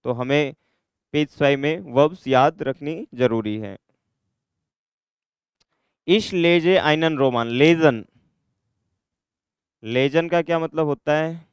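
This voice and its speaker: A male language teacher works through a grammar lesson at a deliberate, unhurried pace. His voice is smooth and clear, and the recording is dry and close. He repeats each word several times so students can copy it. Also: a little high, no room sound. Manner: repeats words slowly, drills pronunciation. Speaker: German teacher.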